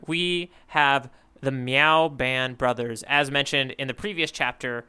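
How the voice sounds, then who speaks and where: A male podcast co-host recaps a manga chapter in casual chat, rambling with lots of fillers and laughing easily. His medium-pitched voice is bright and forceful, a little slow, with a clean tone.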